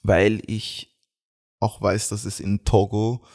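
Chatty young man, low voice. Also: level tone, a little mellow. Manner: chatty, halting with many fillers and restarts, laughs often. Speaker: guest. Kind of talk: casual interview storytelling.

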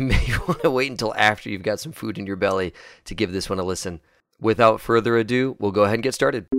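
A man's voice: on the low side, smooth. A man with an American accent hosting a gaming podcast, chatty and easygoing, laughing often. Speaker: podcast host. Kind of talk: casual podcast chat.

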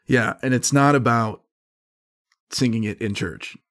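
A man's voice: medium pitch, measured pace, a bit bright. A man in casual conversation about music, laying out his opinions at length.

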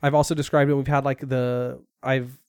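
A young man co-hosting a casual podcast chat, telling animated stories and acting out quotes. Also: medium pitch, moderate pace, clear, resonant tone, dry recording, clean studio sound. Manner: animated storyteller who acts out quotes. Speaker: podcast co-host.

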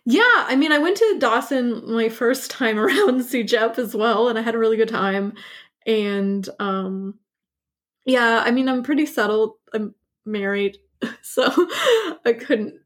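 A woman's voice: a little high, measured pace, fairly bright tone. A woman in her thirties, an actor, chatting as an interview guest, laughing often and using many fillers. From born in Hungary, grew up partly in New York and Montreal. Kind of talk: casual interview chat.

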